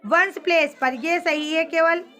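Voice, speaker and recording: A woman tutor checking her pupils' homework, sternly correcting their mistakes and slowly spelling words out letter by letter. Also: very high-pitched, sharp tone. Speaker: home tutor.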